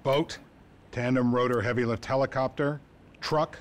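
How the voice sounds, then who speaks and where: A man's voice: mid-range voice, steady tone, normal speed, lightly acted. An actor playing a hesitant, apologetic male federal agent in a video game cutscene. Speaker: weary government agent character.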